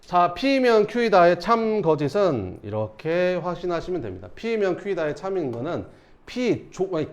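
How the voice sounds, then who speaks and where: A male math teacher talks through problems in a relaxed, informal lecture. His fairly high voice swings up and down a lot. He keeps stopping to ask whether his students are following. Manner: casual, keeps checking students understand.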